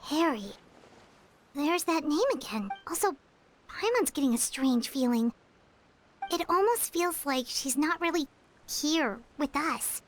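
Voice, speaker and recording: A woman's voice: high voice, animated, measured pace, long pauses, slight background noise. A woman voicing a small chatty fairy-like companion in a video game, who talks about herself in the third person. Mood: curious. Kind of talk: video game cutscene dialogue.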